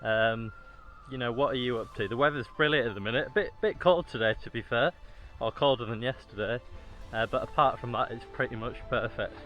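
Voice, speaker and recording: A man's voice: mid-range voice, a little fast, hardly any pauses, dull audio, faint music behind. A man talking casually to his viewers as a running vlogger. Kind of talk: casual vlog talk to viewers.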